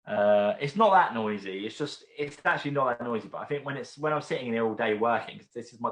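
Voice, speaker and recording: A British man hosting a pub quiz from his home, talking casually and drifting into chatty asides before repeating every question. His voice sits at an ordinary middle pitch. The room sounds noticeably echoey around him. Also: fairly bright tone. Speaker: quiz host. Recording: roomy home recording.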